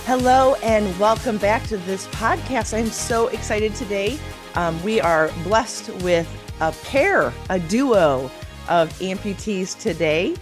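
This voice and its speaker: A woman's voice: medium pitch, expressive, slow pace, over music. A woman hosting a podcast, chatting eagerly and casually with a guest, with many fillers. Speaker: podcast host. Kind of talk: casual interview chat.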